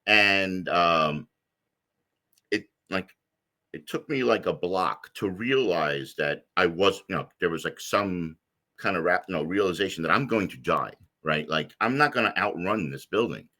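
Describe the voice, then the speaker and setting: A middle-aged man from the United States telling a personal story as an interview guest, rambling with many fillers and restarts in a deep voice. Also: lively intonation, measured pace, sharp tone. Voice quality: deep low voice.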